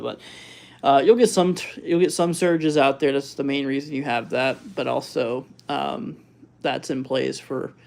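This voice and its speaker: A male livestream host talks through weather updates in an informal, off-the-cuff way. His mid-pitched voice has a noticeable gravelly fry, and he often stalls and thinks out loud as he looks up figures for viewers. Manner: informal, halting, thinking aloud while looking things up. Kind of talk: casual live weather commentary, reading out figures and answering viewers.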